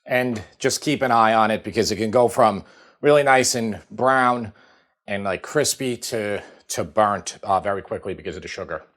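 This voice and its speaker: A man's voice: fairly low pitch, normal speed. Chatty Long Island man cooking. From Long Island, New York. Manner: chatty and relaxed, many fillers like "like". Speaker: cooking show host. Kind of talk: casual cooking demonstration. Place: home kitchen.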